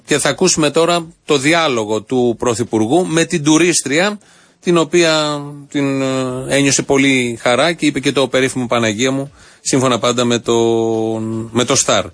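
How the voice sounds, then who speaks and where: A man's voice: mid-range voice, fairly bright tone, dry recording. A man hosting a radio show, giving ironic, mock-earnest satirical commentary in speech. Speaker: radio host.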